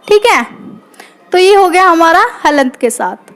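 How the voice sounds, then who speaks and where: High-voiced teacher woman. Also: expressive, measured pace. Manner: patient, repeats points, checks in with "theek hai". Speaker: Hindi teacher. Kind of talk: classroom lesson explaining grammar.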